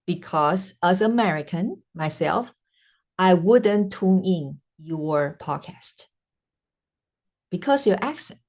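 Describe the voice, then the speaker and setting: Speaking in a medium-pitched voice, this woman hosts a podcast and earnestly recounts her personal story as a monologue. She is from Taiwan, speaks Mandarin natively with a Taiwanese accent, and fills her pauses with frequent "uh"s.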